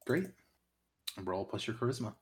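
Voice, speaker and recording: Male game master, lowish pitch, casual narration, prompts the players. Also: sing-song, moderate pace, a little mellow.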